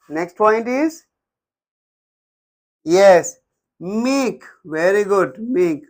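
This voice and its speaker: A man with an Indian English accent teaching a grammar lesson, repeating words and dictating examples one at a time. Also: high voice.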